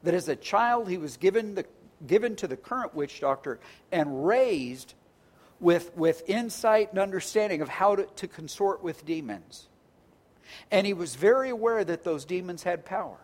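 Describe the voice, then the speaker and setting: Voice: mid-range voice, expressive, moderate pace. A pastor preaching a sermon in a conversational, earnest way, often restarting words and stacking phrases into lists.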